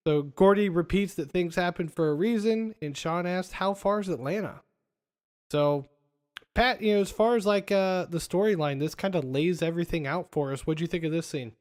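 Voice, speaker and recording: A man's voice: a little high, normal speed, darkish tone. A man hosting a casual podcast, retelling movie scenes and quoting lines with frequent laughs. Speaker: podcast host.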